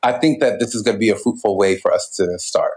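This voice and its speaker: An American man co-hosts a podcast of casual cultural commentary, talking thoughtfully while laughing and restarting often. His voice is fairly low and a little mellow, his pace quick, and the recording quality is low.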